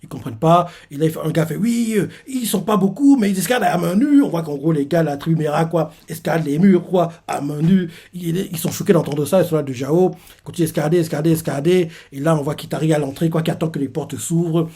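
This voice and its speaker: Husky guy rambling thru a manga recap, voice sits kinda high. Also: fairly even intonation, fast talker, few pauses, mellow. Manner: rambling, loose, heavy on filler phrases. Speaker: manga reviewer. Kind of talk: casual recap of a manga chapter.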